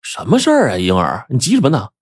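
A man's voice: mid-range voice, big pitch swings, fairly quick, darkish tone, slightly rough, no room sound, clean studio sound, voice pushed up. A man voicing a shrewd, jovial young prince who confides his schemes with chuckles. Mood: sly, confiding. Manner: laughing, confiding, playful.

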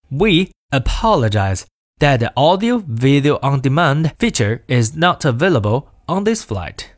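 Male reader, slow and formal, lively pitch, dry close sound; cabin-announcement lesson. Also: no room sound. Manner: measured, formal announcement delivery in two languages. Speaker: language course reader. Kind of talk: reading in-flight announcements aloud.

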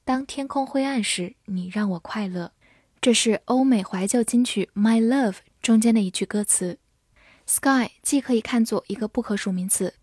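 A woman giving a scripted English vocabulary lesson, explaining words clearly and reading example sentences slowly. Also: a little high, darkish tone, dry recording, clean studio sound. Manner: clear, measured, slows down for model sentences. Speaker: English teacher.

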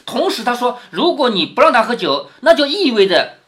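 A bright-toned man, middle-aged, reads a classic novel to his daughter and stops often to explain it. His pitch rises and falls a lot as he asks "right?" and acts out the quoted lines. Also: very animated, fairly quick. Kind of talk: explaining story to a child.

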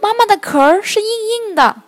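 Woman voicing eager little baby turtles for a storybook, high and chirpy, bright childlike calls, faint music behind. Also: fairly even intonation, moderate pace. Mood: excited.

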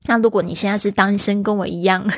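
A young woman hosting a podcast, teaching English phrases in a chatty way and repeating words slowly for learners. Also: medium pitch, steady tone, no room sound. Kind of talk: chatty bilingual language lesson.

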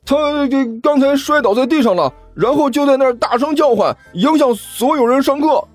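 A man voicing an eager student loudly telling on a classmate in a shrill voice. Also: normal speed, soft background music, lightly acted. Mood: tattling. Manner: loud, shrill.

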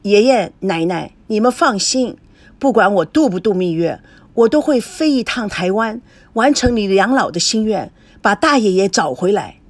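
A woman's voice: mid-range voice, expressive, normal speed, no room sound, lightly acted. A woman reading an audiobook, voicing a young grandson who dodges and reassures. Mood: resolute. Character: young man, grandson, evasive and warm.

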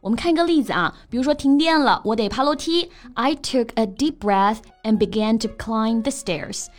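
Woman reading English examples slowly. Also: fairly high pitch, animated. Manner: reads English example sentences slowly, then translates them. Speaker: co-host of an English lesson podcast. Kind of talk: casual bilingual lesson chat.

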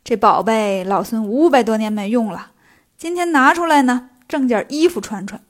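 A woman's voice: a little high, normal speed, natural voice. Woman doing a brash boastful monkey king. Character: cocky boastful male monkey king hero.

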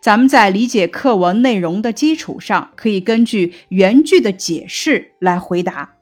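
A woman explaining a textbook lesson in a slow, measured teaching tone, lifting her voice on quoted classical lines. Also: mid-range voice, animated, faint music behind.

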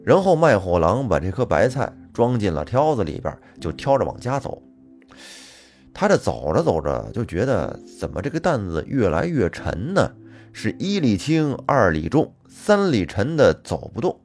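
A man telling a folk tale in a lively, colloquial manner with plenty of fillers. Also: lowish voice, normal speed. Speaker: storyteller. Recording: faint music behind.

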